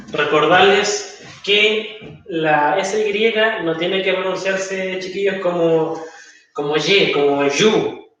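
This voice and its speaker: A man's voice: high-pitched, a bit bright. A man with a Chilean accent teaching an English class to students, explaining patiently and checking in often. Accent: Chilean Spanish. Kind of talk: recorded online class explanation. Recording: echoey room, far from mic, dull lo-fi.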